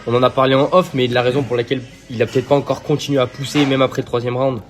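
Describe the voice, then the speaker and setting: A man with a French accent in a casual podcast chat, breaking down the fight in quick, assertive analysis. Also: medium pitch, little pitch movement. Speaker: podcast co-host.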